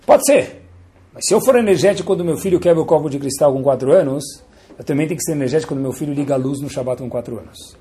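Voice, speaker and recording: Animated man teaching a Torah lesson. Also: fairly high pitch, fast. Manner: animated storyteller with rhetorical questions. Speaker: religious teacher.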